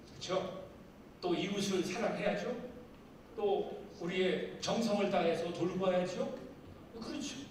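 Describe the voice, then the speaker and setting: A middle-aged male pastor preaching a sermon, reading scripture slowly and acting out little scenes with lively shifts. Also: sits high. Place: seminar hall. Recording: very echoey hall, voice from far off, faint noise.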